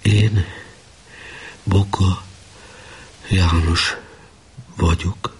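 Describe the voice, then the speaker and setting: A man voicing a delirious, dying little boy who raves hoarsely in a storybook reading. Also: a little high, big pitch swings, fairly bright tone, a little hiss or hum, voice pushed up. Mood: faint. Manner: hoarse, rattling raving speech. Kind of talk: audiobook reading.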